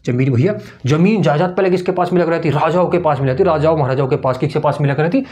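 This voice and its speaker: A man's voice: fairly high pitch, quick pace, darkish tone. A male teacher giving an exam-prep lesson at a board, asking and answering his own questions and repeating every point. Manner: explains memory tricks with small acted dialogues. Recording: dull lo-fi recording.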